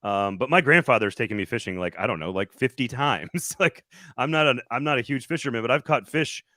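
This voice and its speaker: A man's voice: medium pitch, fairly quick, pushed and bright, no echo. A man hosting a casual sports talk show, rambling and restarting his sentences often. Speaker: sports podcast host reporting on location.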